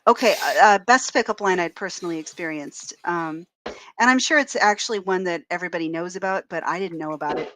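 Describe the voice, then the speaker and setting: A woman's voice: fairly low pitch, fast, fairly bright tone, slight background noise. A woman co-hosting a live drawing stream, chatting casually and acting out the lines of stories she tells. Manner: chatty storyteller who acts out quoted lines. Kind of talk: casual chat.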